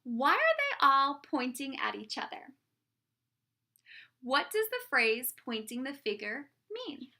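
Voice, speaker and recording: Brief: woman teacher, picture-book read-aloud, high bright voice, questions for kids. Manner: slow, expressive storytelling voice.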